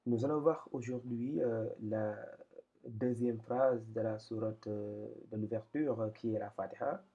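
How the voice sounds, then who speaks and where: A man teaching a lesson step by step, patient and hesitant, with many pauses and fillers. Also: fairly low pitch, fairly even intonation, mellow. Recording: dull lo-fi recording.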